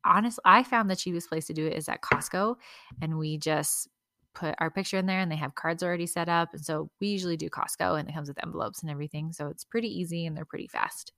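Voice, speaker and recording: A woman in her thirties with a lowish voice talks straight into a close mic in a dry, dead room. She hosts her own podcast and shares practical family tips. She keeps it chatty and relaxed, with small laughs now and then. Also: fast, no echo. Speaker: podcast host. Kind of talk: casual solo podcast tips.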